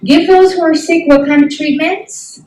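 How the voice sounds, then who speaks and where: A woman's voice: sits high, fairly even intonation, moderate pace, a little mellow, a little hiss or hum. A middle-aged woman teaching a health ministry class, folksy and emphatic, often asking the class questions. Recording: echoey room from a distant mic.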